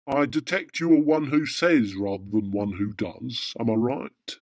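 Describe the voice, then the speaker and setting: Man acting grumpy old male Santa, pompous, touchy, businesslike, radio drama, mid-range pitch, very dry recording. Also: unhurried, darkish tone, no room sound. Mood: confiding. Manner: pompous, easily offended.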